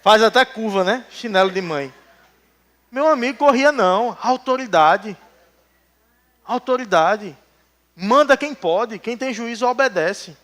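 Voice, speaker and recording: A man preaches in a church, his voice pitched high. He keeps the sermon light with jokey stories and acts out the voices of the people he quotes. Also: lively intonation, unhurried, pauses often, fairly bright tone. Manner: joking storytelling, acts out quotes. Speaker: pastor. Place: church hall.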